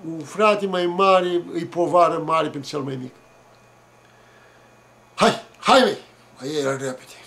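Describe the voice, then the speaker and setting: A man tells a story from his childhood. His voice sits fairly high for a man, and his delivery is slow, reflective and homespun. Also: fairly even intonation, vocal fry, a bit bright. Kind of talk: folksy oral storytelling.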